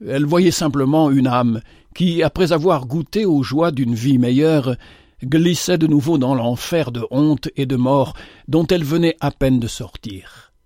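A man reading an audiobook as narrator in a measured way, with rare hesitations. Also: medium pitch, mellow, dry recording, studio quality.

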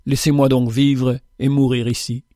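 A man's voice: medium pitch, flat delivery, warm tone, no echo, clean studio sound, close to an everyday voice. A man reading a humble, tearful repentant convict. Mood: pleading, humble. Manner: slow, pleading, self-reproaching.

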